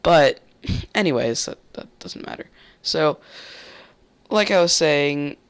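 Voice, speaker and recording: Young man, gravelly voice, heated casual rant, swears, stammers and restarts. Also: on the high side, animated, slow pace. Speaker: storyteller. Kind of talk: casual ranting story.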